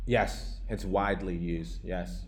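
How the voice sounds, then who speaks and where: Speaking slowly in a low voice with fairly even intonation, a young American coding instructor runs a live classroom lesson. A faint hiss or hum sits under the audio, and his casual delivery is full of restarts and check-ins such as "okay?" and "right?"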